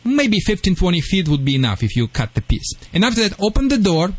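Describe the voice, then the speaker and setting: Male radio pet-advice host, Russian accent, slightly high pitch, excitable and jokey, imperfect English. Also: fast talker. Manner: excitable, playful, joking, broken English. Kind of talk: call-in advice show.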